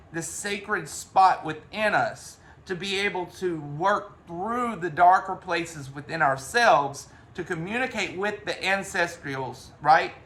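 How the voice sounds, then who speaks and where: A man talks casually about spirituality as a reader, in a high voice. His tone is bright and sharp. He rambles and restarts often, dropping in the odd swear word.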